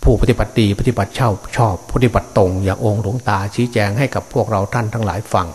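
An older Buddhist monk gives a Dharma sermon in a fairly low, slightly mellow voice with a breathy edge. Unhurried and fatherly, with fairly even intonation, he often pauses on hesitant fillers and addresses listeners as his children and grandchildren.

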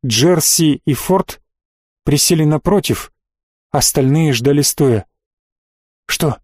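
Guy reading an audiobook, a bit high voice, dry close mic. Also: slow pace, darkish tone, no room sound. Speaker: audiobook narrator. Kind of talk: scripted narration.

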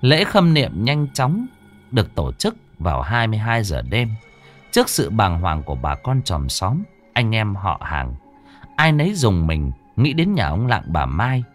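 A male storyteller tells a ghost story with a low voice and a very animated, swooping delivery. The recording is dry and close, with soft music underneath. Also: a little slow. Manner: lively dramatic narration.

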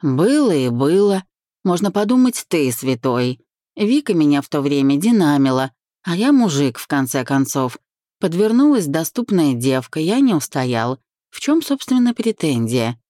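A woman's voice: deep voice, very animated, moderate pace, dark tone, dry recording, studio quality. A woman voicing a brash, defensive young man who blusters and snaps back in an audiobook.

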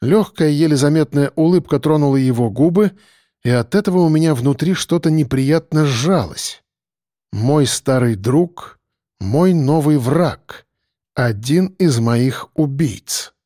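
A man narrating first-person fiction in a measured, grave way, in an audiobook. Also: fairly high pitch, animated, dark tone, studio quality. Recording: roomy reverb, faint noise.

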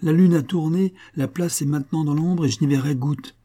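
Bold young storybook boatman, bright and boastful, read by a man. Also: a little high, fairly quick, voice pushed up, lightly acted. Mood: cheerful. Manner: lively, boastful and cheerful. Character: sly young male boatman, bold and cheerful.

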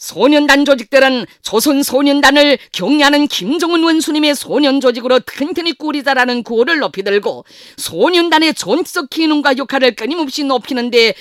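A man's voice: extremely high pitch, a bit bright, dry recording, clean studio sound. A man with a North Korean accent reading formal scripted news as an announcer, in a solemn, reverent, declamatory manner.

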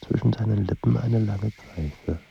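A man narrates a literary radio drama about a troubled young writer's life, playing the part in a grave, brooding manner. He speaks measuredly with dramatic pauses, his pitch fairly low and touched with vocal fry, over a slightly muffled, noisy recording.

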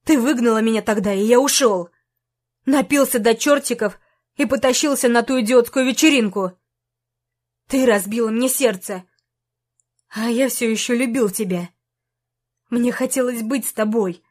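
A woman's voice: fairly high pitch, normal speed, long pauses, darkish tone, close to an everyday voice. A woman reading an audiobook, voicing a frightened young man who begs and whines. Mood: pleading. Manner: whining, begging.

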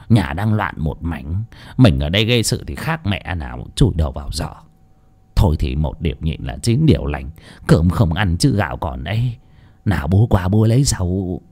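A man's voice: low voice, expressive, a little slow, dark tone, pitched below the performer's own voice. A man voicing a sly old male village herb healer who grumbles and mutters to himself. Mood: muttered grumbling.

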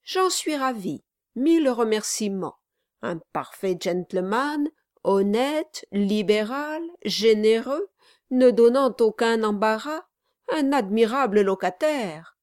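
A woman's voice: a little high, lively intonation, slow, darkish tone, no room sound, clean studio sound. A woman voicing an oily, scheming middle-aged male lawyer in an audiobook, speaking in a honeyed, falsely cheerful way. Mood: falsely jovial.

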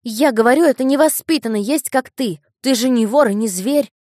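Woman doing a shrill, bold young boy hero. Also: animated, fairly quick, dry recording, studio quality. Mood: indignant. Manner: shouting, indignant. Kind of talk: audiobook character voice.

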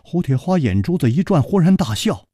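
Male traditional storyteller, lowish voice, lively pitch, slow and dramatic, dry sound. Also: slightly rough, no echo. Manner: dramatic, expressive narration.

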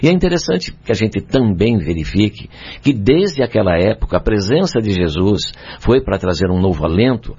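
A man with a Brazilian Portuguese accent, a guest speaker on spiritist themes, explains in a calm, deliberate teaching manner. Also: lowish voice, breathy edge. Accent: Brazilian Portuguese, from São Paulo state. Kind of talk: measured explanatory talk. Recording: dull lo-fi radio recording.

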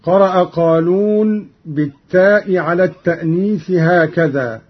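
Slow, husky-voiced man teaching recitation. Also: sits high. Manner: measured, drawn-out melodic chanting of verses. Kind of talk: slow scholarly explanation alternating with chanted verse recitation. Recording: dull lo-fi recording.

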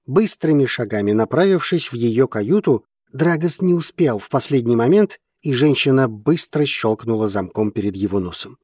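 A man narrating fiction for an audiobook in a measured, steady manner. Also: mid-range voice, breathy edge, no echo, studio quality.

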